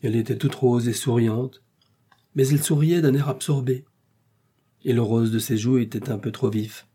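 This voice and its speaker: A man narrating a classic novel in an even, measured reading. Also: mid-range voice, slightly rough. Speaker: audiobook narrator.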